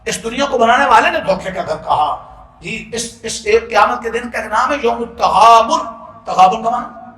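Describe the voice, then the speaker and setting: A man preaching a sermon with impassioned force, often breaking into shouts. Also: extremely high pitch, animated, roomy sound.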